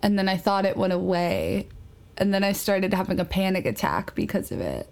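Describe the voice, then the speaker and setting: A woman's voice: mid-range voice, sing-song, moderate pace, a little mellow. A young woman co-hosting a podcast, telling stories in casual chat with a self-mocking, laughing manner. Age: young adult. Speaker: podcast co-host.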